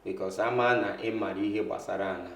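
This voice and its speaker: A man's voice: deep voice, fairly even intonation, quick pace, gravelly, a bit bright. A man with an Igbo Nigerian accent explaining things as an interview guest, switching often between Igbo and English. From south-eastern Nigeria. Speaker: interview guest, real estate lawyer. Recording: echoey room.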